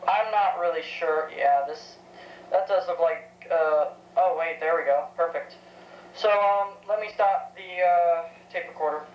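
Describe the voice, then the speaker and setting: A seventeen-year-old girl, a vintage tech enthusiast, walks through a tape recorder at a measured pace in a fairly low voice. Her unscripted demo is casual and hesitant, as if she's thinking aloud. The sound is muffled and echoey, with faint background noise.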